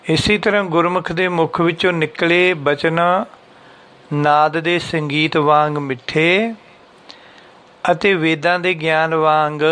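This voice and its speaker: A man teaching how to read and understand scripture, patiently repeating lines and chanting them slowly to show the pauses. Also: a little high, fairly bright tone. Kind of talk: explanatory religious lesson.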